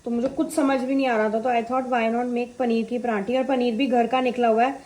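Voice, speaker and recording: A woman's voice: level tone, normal speed, a little mellow. A young woman vlogging at home as a mother, chatting casually and mixing in English words. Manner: chatty, switches to high sing-song voice with her child. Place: home kitchen. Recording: echoey room with faint household noise.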